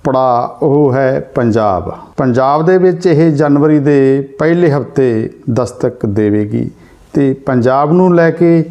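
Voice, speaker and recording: A man with a Punjabi accent presenting a news commentary in a measured way, rephrasing his points with several near-synonyms. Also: on the high side, mellow.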